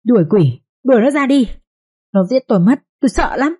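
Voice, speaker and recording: A woman voicing a frightened, half-mad first wife who cries for help in a shrill, terrified voice. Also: lively intonation, a little fast, dark tone, husky.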